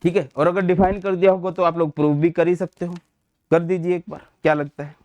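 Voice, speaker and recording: A chatty man teaching chemistry online, his voice sitting a little high for a man. He talks to students like a friendly elder brother, mixing terms into his speech. He often slows down to dictate notes one word at a time. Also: little pitch movement, a little mellow. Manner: chatty, addresses students as beta and bhai, mixes English terms into Hindi. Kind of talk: online class lecture.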